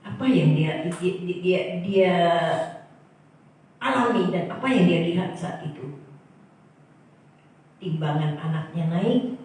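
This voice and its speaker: A woman's voice: on the low side, a little mellow, a little hiss or hum. A woman preaching a sermon to her congregation, speaking emphatically and often exclaiming. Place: church hall. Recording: echoey hall, far from mic.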